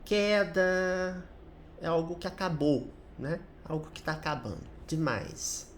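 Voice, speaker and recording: Low, slow-talking Brazilian woman teacher. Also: slight background noise. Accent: Brazilian Portuguese. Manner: explanatory, tag questions after each point. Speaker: English teacher. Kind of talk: commented reading lesson.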